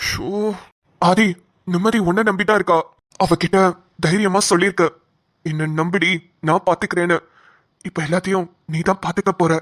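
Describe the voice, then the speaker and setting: A woman's voice: fairly low pitch, steady tone, moderate pace, long pauses, natural voice. Adhi, a woman voicing a protective young man. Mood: worried. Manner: brooding, talks to himself. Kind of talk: Tamil cartoon voice acting.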